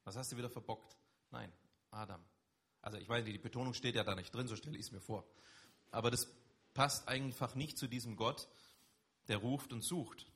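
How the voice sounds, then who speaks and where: A man preaching in German, his voice somewhat husky and breathy. He talks conversationally to his congregation but pushes up hard on key words. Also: mid-range voice, fairly even intonation, fairly quick, fairly bright tone. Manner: conversational, emphatic preaching with rising stresses. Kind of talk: sermon.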